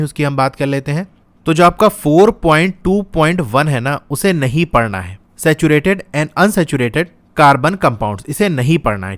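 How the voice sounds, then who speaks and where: A man's voice: fairly high pitch, dry recording. A young man teaching, walking students step by step through a syllabus and checking in with them often. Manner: explains step by step, checks in with "ठीक है". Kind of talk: syllabus walkthrough lesson.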